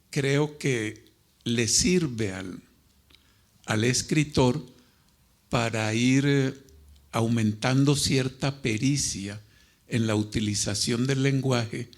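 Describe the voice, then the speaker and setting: Slow-paced, learned man in literary discussion. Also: medium pitch. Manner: deliberate, learned, formal phrasing. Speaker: panelist discussing literature and language. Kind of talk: thoughtful literary talk.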